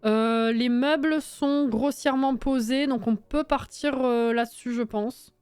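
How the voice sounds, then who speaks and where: A woman's voice: a little high, a little slow, a little mellow, smooth, no room sound. A young woman chatting casually on a live stream while building in a game, reading chat aloud, swearing and laughing often.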